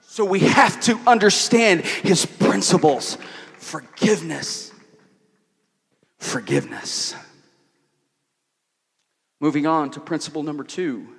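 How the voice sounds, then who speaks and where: A man preaching a sermon to a congregation, repeating key words, asking rhetorical questions and dropping from loud to hushed. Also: on the high side, unhurried, long pauses. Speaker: pastor. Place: church hall with an audience. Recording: long hall reverb.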